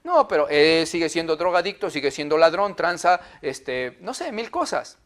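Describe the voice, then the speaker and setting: A male pastor with a Mexican Spanish accent preaching a conversational sermon. He is lively and informal and keeps checking in with tag questions. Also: on the high side, moderate pace.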